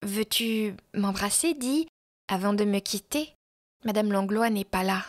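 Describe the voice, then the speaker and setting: A woman's voice: mid-range voice, unhurried, lightly acted. A woman voicing a sick, tearful young woman who speaks in breathless, emotional pleas, in a storybook reading. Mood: pleading.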